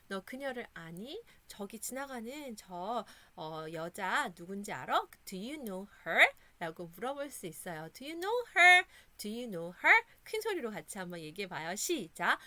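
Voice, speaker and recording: Lively bright-voiced Korean woman teacher. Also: on the high side. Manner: encouraging, repeats words slowly for kids to echo. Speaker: English teacher for children. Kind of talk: children's English lesson.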